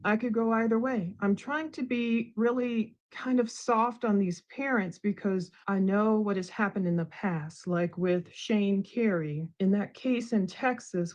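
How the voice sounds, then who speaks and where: An American woman talks through a case as a true crime commentator. Her voice sits at a middling pitch as she addresses an audience. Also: a little mellow, dull audio. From United States.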